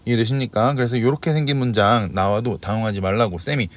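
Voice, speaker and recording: A man's voice: mid-range voice, steady tone, fast talker. A man teaching English grammar in a recorded lecture, asking questions and answering them himself, switching between polite and casual speech. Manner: asks and answers his own questions.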